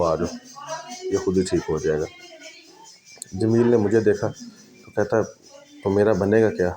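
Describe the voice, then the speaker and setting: A man telling a first-person spooky story in a dramatic, unhurried way, repeating phrases for effect. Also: fairly low pitch.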